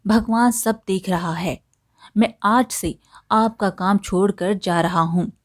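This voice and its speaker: A woman's voice: medium pitch, slow pace, natural voice. A woman voicing a poor, humble male farm laborer who begs his master for help in a storybook tale. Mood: angry. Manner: pleading, humble.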